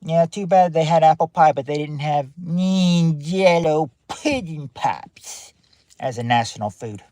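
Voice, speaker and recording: A man's voice: a little high, measured pace, dark tone, no echo. Upbeat man hosting a livestream game. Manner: upbeat, reads answers and greets chat viewers by name. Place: in his car parked outside a courthouse.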